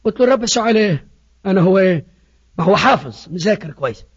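A preacher with an Egyptian Arabic accent giving a passionate evangelistic sermon, alternating between loud appeals and hushed words. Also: male voice, high voice, animated, racing, husky. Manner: passionate, retells dialogues, swings from loud to hushed. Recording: muffled lo-fi recording.

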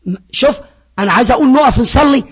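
A preacher with an Egyptian Arabic accent giving a passionate evangelistic sermon, alternating between loud appeals and hushed words. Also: male voice, very high voice, very fast, breathy edge. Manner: passionate, retells dialogues, swings from loud to hushed. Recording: muffled lo-fi recording.

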